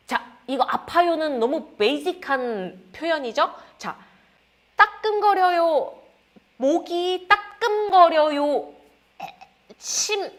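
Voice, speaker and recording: A woman teaching a lively Korean lesson, acting out sensations with sound words and calling her students friends. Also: high-pitched. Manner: animated, acts out feelings with sound words and gestures; addresses students as friends, frequent "자".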